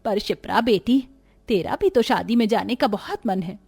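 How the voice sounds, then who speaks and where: Woman voicing a weary middle-aged mother, soft, scolding, storybook tale. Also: mid-range voice, animated, normal speed, vocal fry, breathy edge. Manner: tired, scolding softly. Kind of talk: storybook voice acting.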